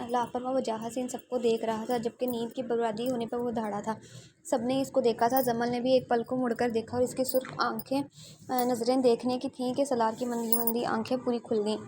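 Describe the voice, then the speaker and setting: A woman reading a romance novel aloud as narrator, in a steady, low-key storytelling manner. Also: noisy background.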